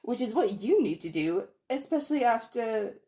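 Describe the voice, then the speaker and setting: A woman's voice: fairly high pitch, sing-song, normal speed, dark tone. Woman doing a curious, prim young girl.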